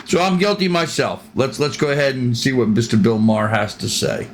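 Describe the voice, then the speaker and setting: A man's voice: medium pitch, expressive, a little fast. Older man rambling through opinionated commentary. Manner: opinionated, rambling with frequent ums. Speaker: reaction channel host. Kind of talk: casual reaction commentary.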